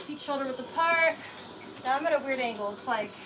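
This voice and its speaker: A woman's voice: sits high, a little fast, background noise. A woman coaching like an aerobics instructor, casually giving exercise cues and counting reps with encouragement. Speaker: fitness instructor leading a live workout. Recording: music playing behind the voice.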